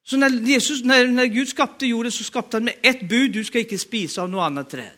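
A man's voice: very high voice, sharp tone. A man with a Norwegian accent preaching a sermon, emphatic and urging the congregation to respond.

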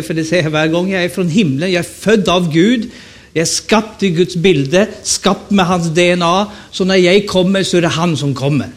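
A man in his fifties with a Stockholm Swedish accent, an evangelist preaching a chatty, joking sermon at a revival meeting and often asking the audience questions. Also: high voice. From Sweden. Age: 50s.

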